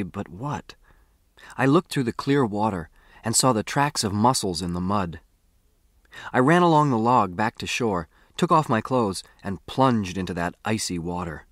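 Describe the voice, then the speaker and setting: This male audiobook narrator, American-accented and on the low side in pitch, relates a first-person tale expressively, much like a boy chatting about his own adventure. The recording is dry and of studio quality.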